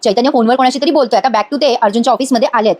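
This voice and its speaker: Woman host, high voice, very fast, retells a TV serial episode for viewers. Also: darkish tone. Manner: addresses viewers directly. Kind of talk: episode recap narration.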